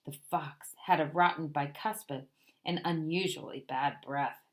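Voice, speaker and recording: A woman reading a children's picture book aloud in an expressive storytelling way. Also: low-pitched, measured pace.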